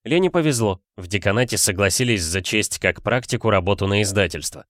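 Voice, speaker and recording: A man reading a novel as an audiobook narrator, with a steady, even storytelling delivery. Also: on the low side, a little fast, no room sound, studio quality. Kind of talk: scripted narration.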